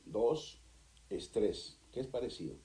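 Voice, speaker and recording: A man's voice: mid-range voice, reverberant, low-quality recording. A man, a therapist and author talking animatedly as a guest in an interview. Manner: animated, acts out couples in quick voices. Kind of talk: conversational interview.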